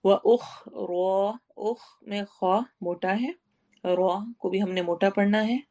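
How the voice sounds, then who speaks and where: A woman teaching a Quran tajweed lesson, reciting slowly and then explaining each sound step by step. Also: mid-range voice. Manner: slow drawn-out recitation, then steady explaining.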